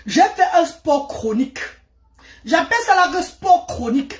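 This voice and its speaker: A woman from Cameroon, telling a story to her viewers in an animated way and repeating words for emphasis. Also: very high voice, moderate pace. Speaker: vlogger. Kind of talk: casual storytelling monologue. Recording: roomy echo.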